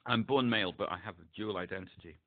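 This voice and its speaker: A man's voice: low voice, fast talker, noisy background. A man on a support phone call, talking hesitantly and searching for words, heard over a phone line. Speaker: caller seeking support.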